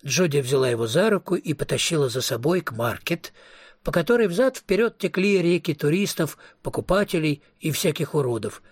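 A man narrating a novel as an audiobook reader, in an even, wry storytelling manner. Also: a little high, a little fast, husky, dry recording, studio quality.

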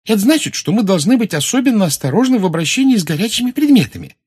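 A man reading an audiobook voices an eager, timid schoolgirl who asks excitable, breathless questions. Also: high-pitched, moderate pace, husky, voice pushed up. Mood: excited. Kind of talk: audiobook character voice.

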